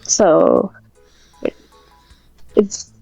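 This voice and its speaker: Appearing as a podcast guest, a female script writer answers in a casual, hesitant way, thinking out loud as she goes. She speaks extremely slowly in a mellow voice, on a dry, muffled recording with faint music behind her.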